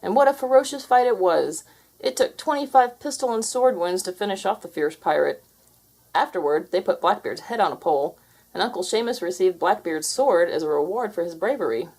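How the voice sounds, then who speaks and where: A woman's voice: on the low side, animated, fairly quick, a little mellow. A woman voicing an earnest, boastful man as a storybook character telling family tales.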